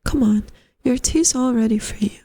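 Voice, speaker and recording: A woman's voice: fairly high pitch, normal speed, dark tone. A woman voicing a genteel, fussy landlady in a story, with a dainty, coaxing and doting manner. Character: genteel, fussy, sweetly insistent middle-aged landlady. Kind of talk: storybook character voice.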